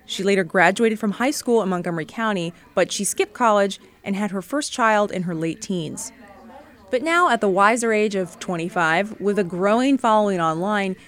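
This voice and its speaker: A woman reporter giving measured, scripted narration for a radio feature story. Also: mid-range voice.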